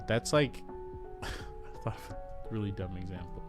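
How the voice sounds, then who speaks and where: A man's voice: on the low side, moderate pace, over music. A man hosting a casual real estate livestream, joking and chatty as he reads viewer comments aloud.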